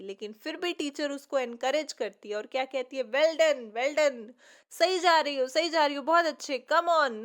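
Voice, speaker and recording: A woman teacher explaining an English story line by line, reading each line slowly and then explaining it in Hindi. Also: sits high.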